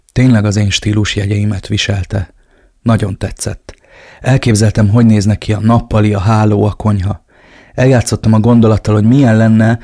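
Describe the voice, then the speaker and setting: Man, audiobook narrator, first person, brooding, deep voice. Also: gravelly, mellow, no room sound, clean studio sound.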